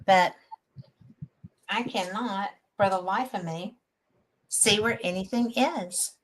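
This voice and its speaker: An older woman with a Southern US accent hosts a casual live-stream chat, sounding chatty and folksy and laughing easily. Her voice is mid-range and slow, with slight background noise.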